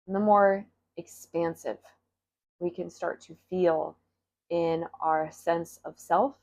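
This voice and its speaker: Slow, candid woman. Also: lowish voice, darkish tone. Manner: candid, laughing, emotional, swears. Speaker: self-help creator. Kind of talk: casual motivational talk to camera. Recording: slightly dull lo-fi audio.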